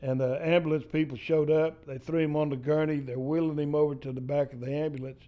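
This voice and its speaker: A man's voice: fairly high pitch, flat delivery, fast, muffled recording. An older man from East Texas with a Texan accent, telling a profane family story in casual storytelling style. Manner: salty, profane yarn-spinning.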